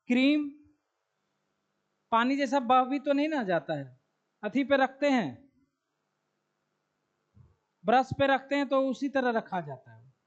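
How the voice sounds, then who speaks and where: High-voiced man teaching biology slowly. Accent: Bihari Hindi. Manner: asks the class questions and answers them himself; slow, repeats key terms while writing on the board. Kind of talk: classroom lecture. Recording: dull lo-fi classroom recording.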